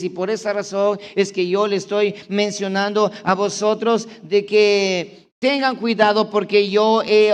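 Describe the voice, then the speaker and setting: A man delivering a sermon as pastor, his voice sitting high. He speaks straight to his congregation and comes back to the same point again and again. He keeps asking rhetorical questions. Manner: insistent, repetitive preaching with rhetorical questions; addresses the congregation directly.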